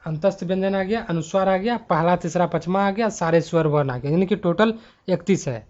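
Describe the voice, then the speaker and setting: High-voiced male tutor, lo-fi recording. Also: a little mellow. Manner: talks students through multiple-choice answers; slows to spell out letter lists one by one. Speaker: Hindi grammar teacher. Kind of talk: online exam-prep lesson.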